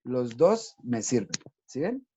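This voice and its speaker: A man gives a recorded English lesson to children, patient and methodical, checking often that they follow. His voice is mellow and dark. The recording sounds dull and lo-fi. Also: medium pitch, big pitch swings, slow, breathy edge. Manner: patient, explains step by step, checks in with "¿listo?". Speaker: English teacher. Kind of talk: recorded online class for children.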